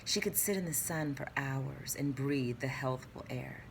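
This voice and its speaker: A woman voicing a scheming wealthy lady in a hushed, conspiratorial whisper, as whispered role-play. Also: very deep voice, a little slow, vocal fry, slight background noise, exaggerated voice, low-quality recording. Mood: sly.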